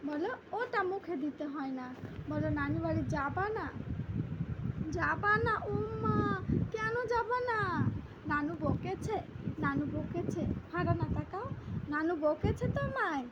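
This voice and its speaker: A woman coaxing and teasing a baby in a high singsong voice at home. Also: expressive, unhurried, muffled recording, heavy background noise. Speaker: parent talking to a baby. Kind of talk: baby talk.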